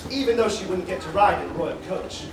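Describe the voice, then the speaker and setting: A woman playing an expressive, gently chiding storyteller in a children's stage musical. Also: fairly low pitch, brisk, noisy background, close to an everyday voice. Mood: wistful. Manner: expressive, exclaiming. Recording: very echoey theatre, distant, music.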